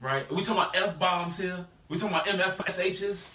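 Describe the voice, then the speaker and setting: Recorded from afar in an echoey space with a bit of hiss or hum, this high-pitched, brisk American man teaches a live Bible study. He's casual and slangy, full of energy, and keeps asking the group "right?"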